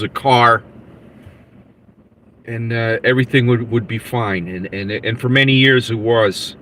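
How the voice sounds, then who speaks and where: A man of sixty hosting a live podcast, talking in a rambling, halting way with many fillers and restarts. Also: on the low side, fairly bright tone, a little hiss or hum. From United States. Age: 60s. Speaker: podcast host reading live chat. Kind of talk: casual live-stream chat.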